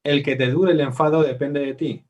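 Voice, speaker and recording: A man's voice: fairly high pitch, fairly even intonation, normal speed, a little mellow, recorded from a distance, lo-fi sound. Man teaching parents. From Spain. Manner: conversational, asks the audience questions, acts out quotes. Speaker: psychologist giving a parenting workshop. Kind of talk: live workshop talk to parents.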